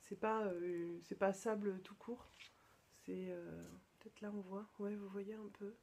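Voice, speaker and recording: A woman from France hosting her own podcast, chatting casually and hesitantly, with many fillers and restarts and soft whispered asides. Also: medium pitch, fairly even intonation, measured pace, slight background noise. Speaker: podcast host. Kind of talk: casual show-and-tell chat.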